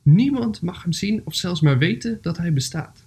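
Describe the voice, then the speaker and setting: A young adult reading aloud and voicing a small, scheming ant in a higher, eager voice. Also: expressive, moderate pace, warm tone, husky. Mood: secretive. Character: scheming little ant, secretive and fussy.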